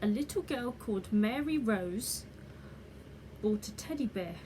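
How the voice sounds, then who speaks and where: A woman reading a children's bedtime story aloud in an unhurried, measured way, like the opening of a fairy tale. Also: fairly high pitch, expressive, warm tone. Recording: clearly noisy background ambience.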